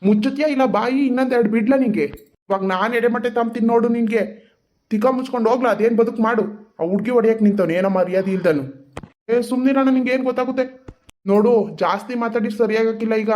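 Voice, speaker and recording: A lazy, quick-tempered village husband, voiced for a homemade cartoon. He snaps out threats in rapid bursts, his tone dark and mellow under the anger. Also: medium pitch, lightly acted. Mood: angry threatening. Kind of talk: animated village drama voice-over.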